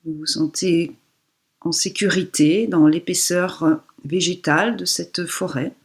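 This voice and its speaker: Speaking softly and breathily, a woman yoga teacher guides listeners through a relaxation meditation, pausing between calm, unhurried instructions. Her voice sits fairly low, with fairly even intonation.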